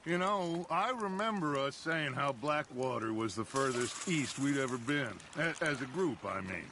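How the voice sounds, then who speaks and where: An actor playing an easygoing frontier outlaw in a game who speaks in a relaxed, reflective, encouraging way. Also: male voice, medium pitch, moderate pace, noisy background, natural voice.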